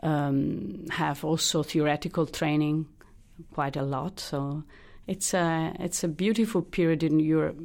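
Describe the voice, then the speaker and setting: An Italian hematologist, appearing as a guest, explains her career in an interview with a low, darkish voice, a steady tone and vocal fry. She speaks thoughtfully but haltingly, with many restarts and fillers.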